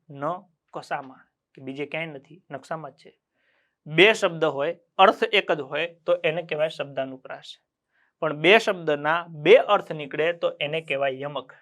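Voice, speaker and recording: A man's voice: fairly high pitch, a bit bright. A man with a Gujarati accent teaching an exam-prep grammar class. He asks the class questions and answers them himself, repeating key terms so they stick.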